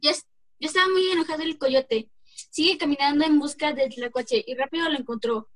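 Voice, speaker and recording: A woman with a Mexican accent narrating a folk tale in a plain, slightly halting reading voice. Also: high-pitched, no echo. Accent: Mexican Spanish.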